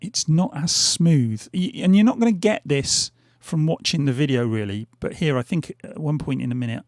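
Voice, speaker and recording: A middle-aged gaming channel host rambles loosely and hesitantly over his gameplay, packing in fillers as his gravelly voice frays and keeps failing. His voice is a little high at a moderate pace. With headphones and a desk mic, the sound is dry, close and echo-free.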